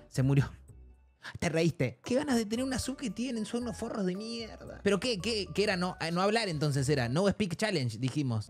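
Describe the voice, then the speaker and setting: An Argentine man with a Rioplatense accent riffs excitably over clips on a live stream. His pitch leaps up and down freely as he reacts and curses. Faint music plays behind him. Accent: Rioplatense Argentine Spanish. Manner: excitable, swears often, chatty with the chat.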